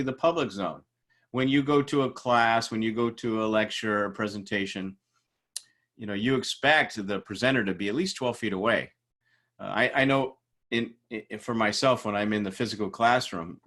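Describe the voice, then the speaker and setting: Male lecturer with a low voice, relaxed and chatty, lots of fillers and restarts. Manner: casual, conversational with frequent fillers and restarts. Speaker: teacher. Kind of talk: recorded lecture.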